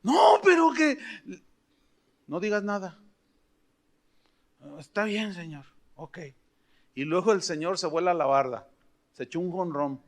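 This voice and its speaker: A man's voice: a little high, unhurried, long pauses. A middle-aged man preaching a sermon, telling a personal story, acting out the dialogue and asking the congregation questions. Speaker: pastor.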